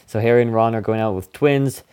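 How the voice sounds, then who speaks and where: Guy hosting a chill movie review podcast, mid pitch, smooth clear voice, kinda goofy and rambly. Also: steady tone, a little fast, darkish tone. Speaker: podcast host. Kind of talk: casual movie review chat.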